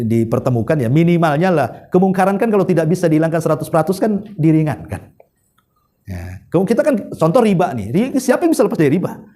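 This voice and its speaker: A male preacher, telling stories in a chatty, animated sermon. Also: mid-range voice. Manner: chatty, animated retelling with laughs. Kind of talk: sermon storytelling.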